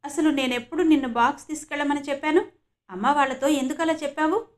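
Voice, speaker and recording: A woman's voice: high-pitched, quick pace, pitched above the performer's own voice, lightly acted. A woman voicing an earnest young wife who apologizes with regret, in an audiobook reading. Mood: remorseful.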